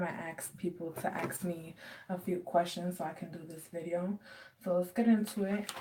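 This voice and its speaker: A woman in her twenties from the United States rambles casually through a Q&A vlog at home, full of fillers. Her voice is on the low side and a little mellow, with a dry throat, picked up by a distant mic.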